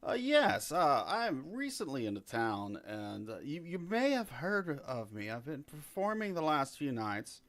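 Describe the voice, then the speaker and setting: A man voicing an eager young bard who stammers and repeats himself while pitching his talents. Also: very animated, a little slow, few pauses, fairly bright tone, full character voice. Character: eager young male bard, fast-talking self-promoter.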